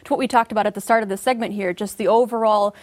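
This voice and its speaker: A woman commodity market analyst giving measured, explanatory answers full of market jargon in an interview. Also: medium pitch, fairly even intonation.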